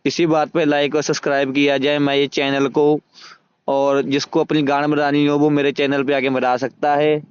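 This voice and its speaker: Brief: male gaming host, smooth voice, crude mocking match commentary, dull lo-fi dry recording. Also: fairly high pitch, little pitch movement, moderate pace, no echo. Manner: crude, mocking, swears freely. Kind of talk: casual gameplay commentary.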